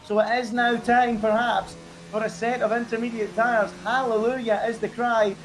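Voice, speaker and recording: A man's voice: very high voice, little pitch movement, normal speed, faint music behind. Chatty male race analyst. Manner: chatty analytical, rhetorical questions. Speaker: co-commentator. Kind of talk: live esports race analysis.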